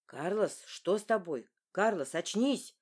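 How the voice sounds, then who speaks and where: A woman voicing a brisk, grumbling male masseur who fusses over his friend. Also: fairly low pitch, lively intonation, darkish tone, breathy edge. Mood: worried.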